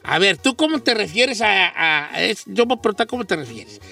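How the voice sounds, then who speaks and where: A man's voice: high voice, animated, fairly quick, creaky, bright, forceful tone, recorded from a distance, soft background music. A man hosting a radio show in casual banter, playful and teasing, slipping English phrases into his talk.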